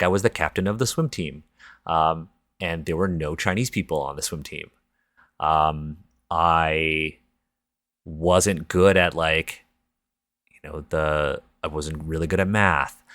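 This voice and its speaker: This podcast host, a Canadian-accented man from Toronto, chats in a relaxed, frank, thoughtful manner. He has a rumbling low voice with a slight brightness, speaks at a measured pace, and there's no room sound.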